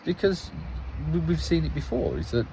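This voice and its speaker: A man's voice: fairly high pitch, big pitch swings, moderate pace, mellow, a little hiss or hum, poor audio. A man giving a casual spoken account as a local parish councillor, rambling and restarting phrases as he tells the story with some exasperation.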